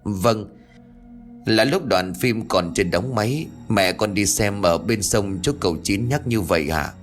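A man's voice: fairly low pitch, measured pace, faint music behind, natural voice. Frail young girl in a ghost story, timid and pleading, voiced by a male narrator.

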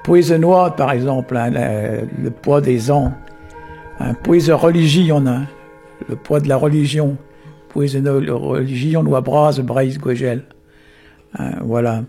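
A man, unhurried and full of tag words, explaining the origins of words. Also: mid-range voice, fairly even intonation, creaky, warm tone, soft background music. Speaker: Breton language explainer. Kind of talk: explanatory talk on word origins.

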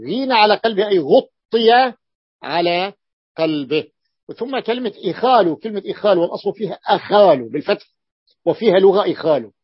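A man's voice: a little high, no echo. Levantine man teaching, repeats words, dull dry recording. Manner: repeats key words slowly, thinks aloud with fillers. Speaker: sheikh teaching Arabic morphology. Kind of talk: classroom lesson explaining a text.

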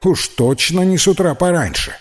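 A man's voice: sits high, animated, moderate pace, pitched above the performer's own voice. A man voicing a tall, skinny, grumbling schoolboy in a children's storybook. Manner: grumbling, dry. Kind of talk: storybook character voice.

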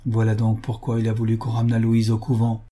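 Man doing distraught young daughter, storybook, lifted husky voice. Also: lowish voice, monotone, brisk, warm tone, natural voice. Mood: grieving. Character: young woman, grieving daughter.

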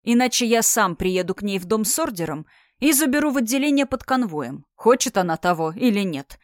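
A woman's voice: mid-range voice, expressive, brisk, no echo, clean studio sound, close to an everyday voice. Woman voicing a stern, commanding policeman. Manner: cold, curt, commanding. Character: stern, imposing male magic policeman.

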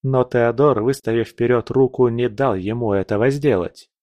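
A man narrating a fantasy audiobook in a measured, dramatic reading. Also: medium pitch, steady tone, darkish tone, dry recording, dull audio.

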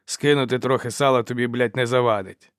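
A man plays a savage, mocking warrior who spits out coarse insults. The voice is raised and forceful. It sounds close and dry. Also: medium pitch, brisk, dry recording, voice pushed up, natural voice. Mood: sneering. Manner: sneering, coarse. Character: vicious foul-mouthed male warrior, mocking.

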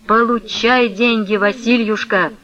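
A loud, blustering old merchant , as a male reader puts him on, scolding in a high, bright voice. The sound is dull, like an old radio recording. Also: steady tone, measured pace. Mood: pleading.

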